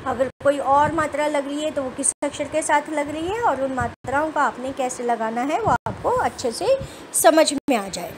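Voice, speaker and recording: A woman's voice: high voice, slight background noise. A woman teaching children a phonics lesson, sounding out each word letter by letter and explaining meanings with everyday examples. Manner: sounds out words letter by letter, then says them whole. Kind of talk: slow spelled-out phonics lesson.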